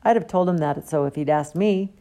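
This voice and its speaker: A woman's voice: low-pitched, fairly quick, warm tone. A woman voicing an annoyed teenage schoolboy, speaking in a grumpy whisper.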